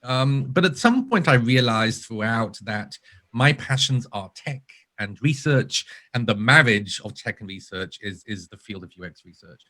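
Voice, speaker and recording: Speaking with expressive force, this man's medium-pitched voice is bright and moves at a moderate pace. He is an Israeli user researcher with a British-sounding accent, a podcast guest in a casual remote interview who earnestly structures his points into careful lists.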